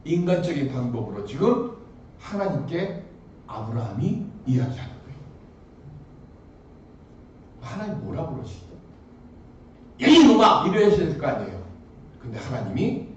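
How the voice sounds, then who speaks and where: Animated pastor preaching in an echoing church. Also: male voice, mid-range voice, moderate pace, pauses often, slight background noise. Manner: animated, questions the congregation. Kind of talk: sermon. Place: church sanctuary. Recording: echoey church hall from far off.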